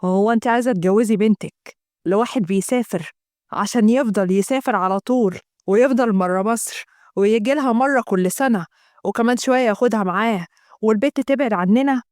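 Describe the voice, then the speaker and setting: A woman voicing a stern, gruff Egyptian father who brushes off his wife. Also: on the high side, fairly quick, darkish tone, no echo, studio quality, lightly acted. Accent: Egyptian Arabic. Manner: gruff, dismissive. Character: stern old-fashioned father, a man.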